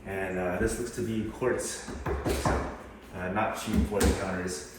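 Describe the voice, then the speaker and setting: A man giving a casual, low-key walk-through house tour as a real estate agent, tentative and mildly approving. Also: steady tone, slow. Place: inside a mostly empty house, walking through. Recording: echoey empty rooms, distant mic, background noise.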